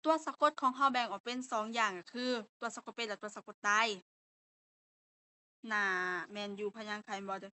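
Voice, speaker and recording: Bright-voiced Lao woman teaching. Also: a little high, fairly even intonation, fairly quick. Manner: patient, explains step by step with fillers. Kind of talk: online language lesson.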